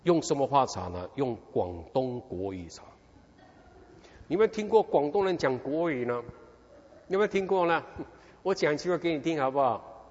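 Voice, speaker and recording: A man's voice: mid-range voice, normal speed. A middle-aged man from Taiwan, preaching a sermon through a personal story and asking his listeners question after question. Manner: animated storytelling, constant rhetorical questions. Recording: dull recording in a reverberant hall.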